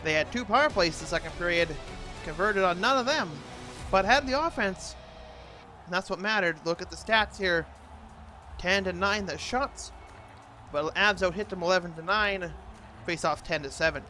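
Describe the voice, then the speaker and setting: A man's voice: high voice, moderate pace, bright, forceful tone, soft background music. A man doing amateur hockey play-by-play commentary for a video game in short clipped phrases, in the style of a sports announcer.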